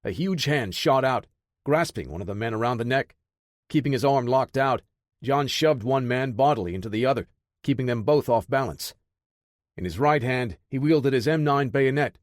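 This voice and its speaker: A man narrating an action audiobook in a steady, dramatic storytelling manner. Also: medium pitch, dry recording, studio quality. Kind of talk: scripted narration.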